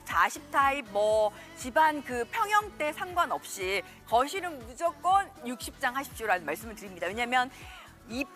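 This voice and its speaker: A woman's voice: sits high, a bit bright. A woman hosting a live home shopping broadcast in an urgent, emphatic hard-sell manner, repeating the key points of the offer.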